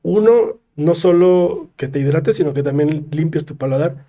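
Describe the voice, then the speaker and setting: A man's voice: a little high, normal speed, narrow, tinny audio. A man with a Mexican Spanish accent, a brewery guest explaining things in casual interview chat, with many fillers and tag questions. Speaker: craft brewery representative guest.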